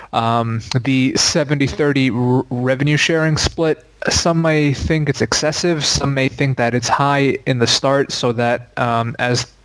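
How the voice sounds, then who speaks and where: Opinionated male co-host, mid pitch, recorded dry. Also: no room sound. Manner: emphatic, opinionated. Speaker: podcast co-host. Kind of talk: casual chat.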